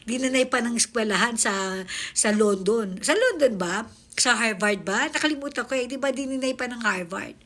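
Woman vlogger reacting to clips, kinda high voice, laughs a lot, mocking and cussing. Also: lively intonation, normal speed, fairly bright tone. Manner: mocking, laughing often, swearing. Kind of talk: casual reaction commentary.

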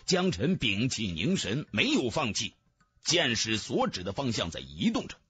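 A male audiobook narrator reads a fantasy novel in a theatrical storytelling style, his medium-pitched voice swinging hugely in pitch at a moderate pace. It is dramatic scripted narration with a faint music bed underneath.

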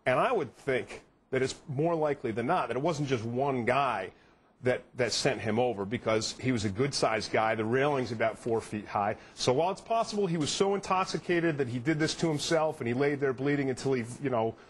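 A man's voice: mid-range voice, slight background noise. A man in his thirties, a TV host, giving an earnest, detailed account in a live studio news interview. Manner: earnest, quick, piles on details. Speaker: guest TV host reporting on a case.

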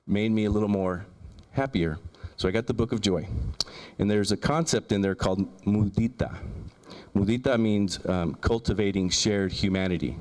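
A man in his thirties giving an earnest keynote talk with a handheld mic in a large lecture room, often restarting and repeating words as he lists ideas. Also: fairly low pitch. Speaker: keynote speaker. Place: large lecture room, in front of a projection screen. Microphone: handheld microphone.

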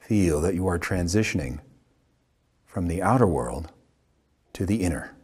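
Guiding listeners through meditation, a yoga teacher speaks in a husky voice that sits low. His delivery is calm, with brief, unhurried phrases broken by long pauses.

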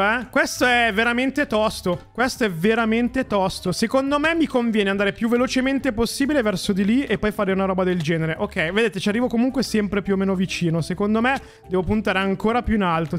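Excitable high-voiced Italian gaming YouTuber. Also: male voice, fairly quick, hardly any pauses, faint music behind. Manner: excitable, shouts and cheers at successes; addresses viewers as raga and ragazzi. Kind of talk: casual gameplay commentary.

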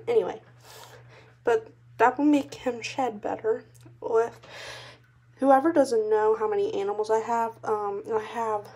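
A woman's voice: a little high, warm tone, slightly rough. A young woman chatting casually in a pet vlog from her messy bedroom, a bit out of breath and unwell, rambling with lots of fillers. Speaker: vlogger.

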